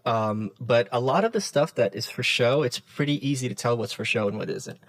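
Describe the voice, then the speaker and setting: Animated storytelling man on a dry mic. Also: mid-range voice, fairly quick, no room sound, low-quality recording. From Soviet Union. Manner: animated storyteller who acts out quoted dialogue. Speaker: podcast guest. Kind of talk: casual podcast conversation.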